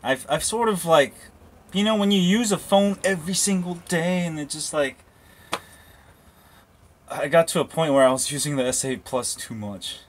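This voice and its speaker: This tech live-streamer's voice is on the high side and moderately paced, with a little hiss or hum in the audio. Carrying his phone as he walks, partly outdoors, he chats loosely with viewers about phones and whatever comes up, full of restarts and tangents.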